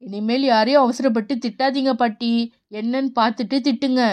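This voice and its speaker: A woman voicing a calm, sensible young boy in a children's cartoon who explains things patiently. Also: on the high side, fairly quick, close to an everyday voice. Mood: reassuring.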